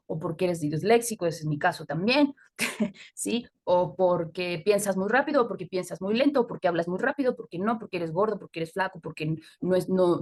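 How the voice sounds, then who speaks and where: A woman teaching astrology in a live talk, explaining at length and often checking in with listeners with short questions. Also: fairly low pitch. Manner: laughs at her own points.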